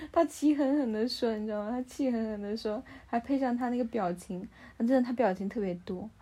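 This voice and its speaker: A woman's voice: a little high, a little fast, hardly any pauses, mellow. A woman, telling family stories in a casual chat and often asking the listener if they follow. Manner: chatty, often asks the listener "you know?".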